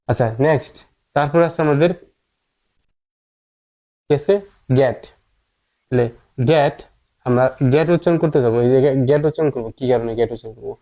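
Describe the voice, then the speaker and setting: A man's voice: mid-range voice, warm tone. A man teaching English pronunciation in a patient, explanatory way, repeating each point several times. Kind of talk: explanatory lesson with repetition.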